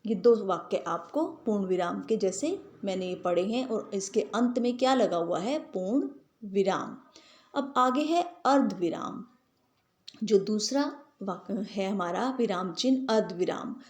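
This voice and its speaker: A woman's voice: medium pitch, expressive, unhurried. A woman teaching a grammar lesson to students. She explains patiently and keeps checking that they understand with short tag questions. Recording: echoey room.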